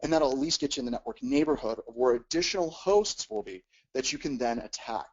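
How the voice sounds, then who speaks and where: A man presenting a technical webcast at an everyday mid pitch. He walks through each step with plenty of "uh"s and restarts. The recording sounds slightly dull and lo-fi. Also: fairly quick. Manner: explanatory, frequent "uh" and repeated words. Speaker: webcast instructor.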